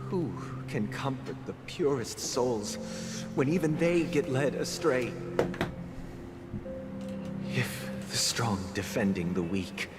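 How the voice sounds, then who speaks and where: In formal, dramatic game voice acting, a young male priest who serves as confessor and family leader speaks in a medium-pitched, solemn, soft voice. He is devout and brooding, measured, pious, and formal, yet sounds anguished and doubting. The setting is an echoing hall with loud music behind him.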